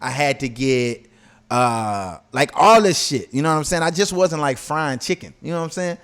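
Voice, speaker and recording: A man's voice: a little high, animated, moderate pace, a bit bright, clear, resonant tone. A man hosting a podcast, telling stories in casual, profane slang and often checking that listeners follow. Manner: slangy, profane, repeatedly checks with "you know what I'm saying". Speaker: podcast host.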